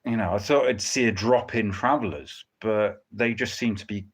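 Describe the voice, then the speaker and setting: A man's voice: lowish voice, normal speed, breathy edge. A man hosting a livestream with casual, rambling live commentary and a dry, joking, hesitant delivery. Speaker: livestream host commenting on a car auction.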